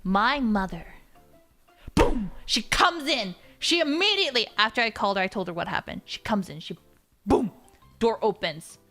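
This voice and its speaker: A young woman streamer telling a story animatedly, laughing and swinging between hushed whispers and squeals. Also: mid-range voice, expressive, normal speed, faint music behind. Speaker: vtuber streamer.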